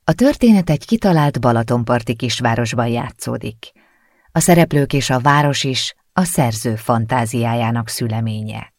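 A man reading an audiobook aloud in a calm, measured narration. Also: medium pitch, dry recording, studio quality. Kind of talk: scripted narration.

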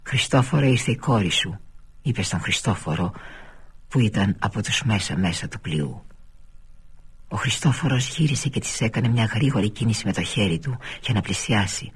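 Male literary narrator, low husky voice, deliberate storytelling delivery. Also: animated. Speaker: reader of a novel.

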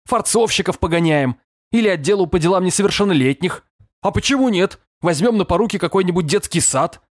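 A man's voice: sits high, animated, brisk, dry recording, clean studio sound, voice pushed up. A man voicing a furious, stout middle-aged police lieutenant colonel who scolds with bellowing sarcasm. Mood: raging.

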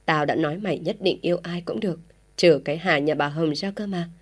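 A woman's voice: low voice, brisk, breathy edge. A woman voicing a furious stern old father. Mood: furious scolding. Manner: harsh scolding shouts.

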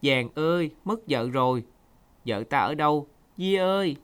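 A man voicing an anxious, devoted Hmong highland husband who cries out loudly, in a storybook reading. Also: animated, moderate pace, close to an everyday voice. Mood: panicked. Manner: loud, emotional, cries out.

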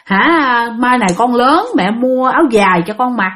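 A woman with a Southern Vietnamese accent voicing an eerie ghost woman who sings a lullaby in a shrill, sing-song voice. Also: lively intonation, moderate pace, a bit bright. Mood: lulling.

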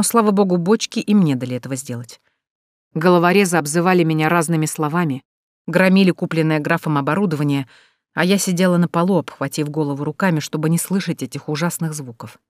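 A woman's voice: low-pitched, dry recording, clean studio sound. A woman reading a first-person audiobook with tense, dramatic storytelling. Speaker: audiobook narrator.

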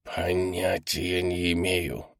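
Man doing a tense, guarded archaeologist, low voice, dry audiobook read. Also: level tone, slow pace, creaky, no room sound, heavily acted. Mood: hushed tense. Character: tense, frightened male archaeologist.

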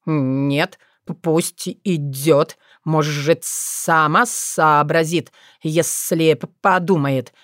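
Audiobook: woman voicing a cold, stammering young fox-man, deep and dry. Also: fairly even intonation, a bit bright, no echo, heavily acted. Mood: subdued. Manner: slow, stammering, subdued. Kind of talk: audiobook character voice.

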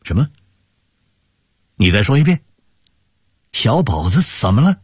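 A man's voice: medium pitch, very animated, measured pace, husky, no echo, studio quality, voice pushed up, full character voice. A man voicing a middle-aged man returning home, hearty at first and then stunned. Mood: urgent. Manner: hearty calls, then disbelieving murmur.

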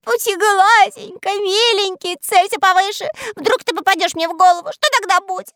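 A woman voicing a boastful, cowardly tiny male forest elf in a storybook reading, with a shrill, wailing manner. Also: fairly even intonation, moderate pace, fairly bright tone.

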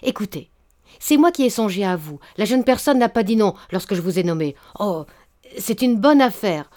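A woman reading a story aloud, voicing an old spinster matchmaker who speaks in a flattering, unctuous way. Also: mid-range voice, moderate pace, lightly acted. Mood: honeyed. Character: old honey-tongued spinster matchmaker, scheming. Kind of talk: audiobook reading.

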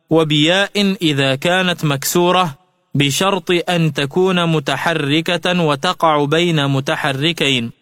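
A man with a high voice gives a tajweed lesson for radio, explaining each rule in a measured way and drawing out the example words as he chants them. His voice is close and dry, with a long reverb tail behind it. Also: fairly bright tone. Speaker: Quran recitation teacher.

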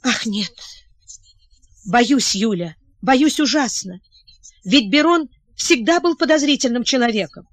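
A woman's voice: a little high, animated, unhurried, no room sound. A woman reading the part of an anxious, tearful young princess who pleads and asks breathless questions.

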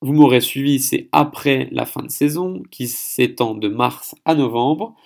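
Solo podcast host, male, from France, mid-range voice with some grit, talks in a chatty, halting way. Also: mid-range voice, vocal fry. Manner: chatty, hesitant, stumbles on foreign names.

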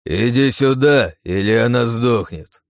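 A man's voice: medium pitch, measured pace, no echo, studio quality, voice pushed up, close to an everyday voice. A man voicing a cruel, mocking red-haired male villain who taunts and gloats in an audiobook. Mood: menacing. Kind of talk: audiobook character voice.

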